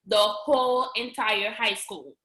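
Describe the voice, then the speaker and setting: A Haitian-accented woman in her 30s, a registered nurse and business owner, chats as a podcast guest in a casual interview. Her fairly high, sharp voice moves slowly, full of laughter, fillers and restarts. The video-call audio has a roomy, echoey sound.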